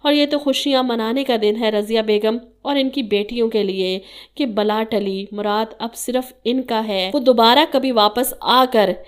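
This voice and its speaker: A woman's voice: a little high, moderate pace, darkish tone, smooth. A woman narrating a recap of a TV drama episode, retelling the story steadily and dramatically.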